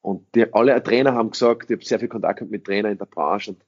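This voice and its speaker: A middle-aged man talks fast in a lowish, slightly mellow voice with a breathy edge. Answering interview questions in English as a sales trainer, he leans on emphasis, repetition of phrases and rhetorical questions. It's a dull lo-fi recording.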